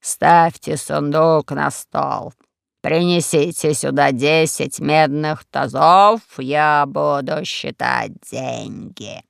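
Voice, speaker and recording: A man's voice: on the high side, takes it slowly, gravelly, a bit bright, smooth, dry recording, studio quality, voice pushed down, full character voice. A man voicing a sly, pompous old male castle lord in an audiobook, drawling each word with mock courtesy. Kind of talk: audiobook character voice.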